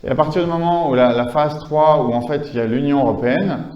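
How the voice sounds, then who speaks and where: A man's voice: on the high side, fast talker, reverberant, highs cut off. A man giving a conference lecture, talking with many hesitations, fillers and restarts. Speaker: conference speaker.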